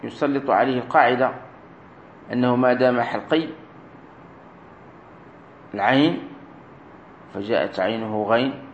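Man teaching grammar class, repeats words slow, echoey room. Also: mid-range voice, highs cut off. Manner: explains slowly, repeats key words and drills verb forms aloud. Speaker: sheikh teaching Arabic grammar. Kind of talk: recorded classroom lesson. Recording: roomy echo with faint room noise.

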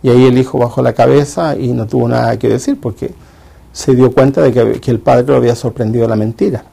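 Gravelly-voiced man preaching a story. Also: medium pitch, steady tone, brisk, warm tone. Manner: storytelling, acts out dialogue in a father-and-son tale.

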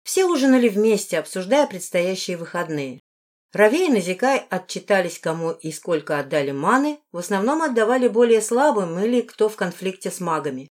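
A woman reading a first-person fantasy audiobook in a measured, expressive storytelling manner. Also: medium pitch. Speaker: audiobook narrator.

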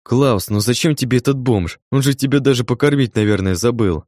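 A man voicing a shrill, hysterical middle-aged woman, the owner of a dog, in an audiobook. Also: fairly quick, a little mellow, no room sound, clean studio sound, natural voice. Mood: screeching. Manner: shrill, screeching. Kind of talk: audiobook character voice.

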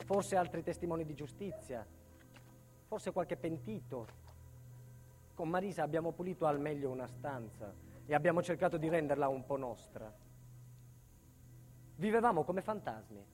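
Faint music plays behind a male actor whose voice is a little high, darkish and close to everyday speech, with lively intonation. He narrates a solemn, intense first-person stage monologue as an embittered protected witness living in hiding. The phrasing is deliberate, the mood somber and haunted.

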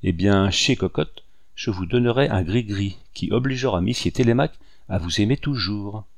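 A man voicing a cunning, scheming older woman who speaks curtly and in a hushed tone, in a dry recording. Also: fairly low pitch, moderate pace, vocal fry, dry recording. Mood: persuading. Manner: curt, sharp, hushed.

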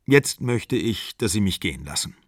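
Bitter woman dean, cold and accusing, dry close sound, read by a man with a low voice. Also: big pitch swings, normal speed, dry recording. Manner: cold, accusing, then breaking down. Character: bitter, fragile middle-aged woman, a college dean.

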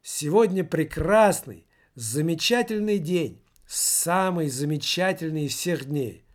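A man's voice: sits high, lively intonation, slow, voice pushed up. A man doing a beaming young peacemaker. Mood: joyful. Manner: beaming and insistent. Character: cheerful young man, almost a boy, peacemaker.

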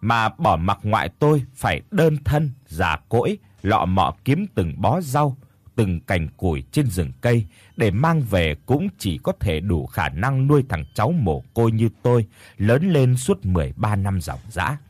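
A man's voice: fairly low pitch, sing-song, a little slow, husky, no room sound. A man narrating a first-person audio story in a bitter, scornful tone.

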